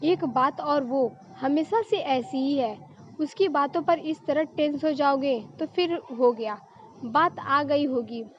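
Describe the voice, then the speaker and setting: A woman voicing a busy, brisk young wife who brushes off worries in a told story. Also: sits high, muffled recording, slight background noise. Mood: offhand.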